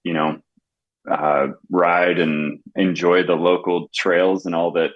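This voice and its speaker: Guest, thirties, male, very low voice, relaxed filler-heavy chat, muffled dry audio. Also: takes it slowly, no echo. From Southwest United States. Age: 30s. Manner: easygoing, with fillers. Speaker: podcast guest. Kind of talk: casual interview chat.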